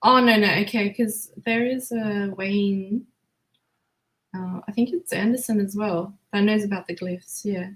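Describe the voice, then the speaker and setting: A woman's voice: medium pitch, steady tone, unhurried, low-quality recording. Woman interviewer chatting in short, tentative bursts. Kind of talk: casual chat.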